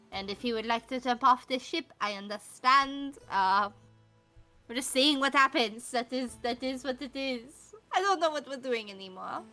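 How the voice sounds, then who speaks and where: A weary older woman, voiced by a woman player speaks in character during a tabletop role-play. Her tone is high and bright, and her manner is resigned and musing. She sounds like someone with no goal left. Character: weary older woman drifting without a plan.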